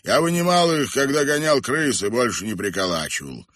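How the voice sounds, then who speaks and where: Gruff greedy braggart, voiced by a man, condescending, husky, storybook role. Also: medium pitch, expressive, a little fast, fairly bright tone, no echo, clean studio sound, pitched above the performer's own voice. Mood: boastful. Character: coarse greedy man, Crooked Eye.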